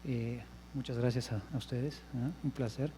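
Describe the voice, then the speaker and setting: A man's voice: mid-range voice, steady tone, moderate pace, warm tone, a little hiss or hum, poor audio. A man from Peru introducing himself as a hotelier on a conference panel, hesitant with many fillers.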